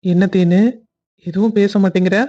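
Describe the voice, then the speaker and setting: A man with a mellow, dark voice plays a husband in a cartoon family story. He talks tenderly on the phone and frets to himself in between. The recording sounds dull and lo-fi. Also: high voice, little pitch movement, moderate pace.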